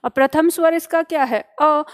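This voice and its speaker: A Hindi teacher, a woman, gives a spelling lesson to exam students, explaining step by step, frequently checking that they're following, and posing questions she then answers herself. Her voice sits high, with fairly even intonation at normal speed.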